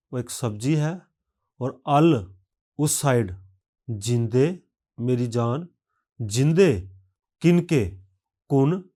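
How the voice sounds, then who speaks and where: A man teaching a recorded language lesson, speaking carefully and pronouncing each example word deliberately. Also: medium pitch, a little mellow. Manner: slow, careful, measured delivery.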